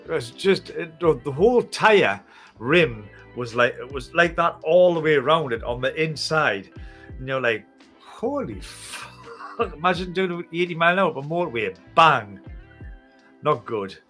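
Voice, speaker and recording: A British man, co-host of a casual talk show, swearing freely and laughing often while telling animated stories. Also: fairly high pitch, moderate pace, faint music behind. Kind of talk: casual chat.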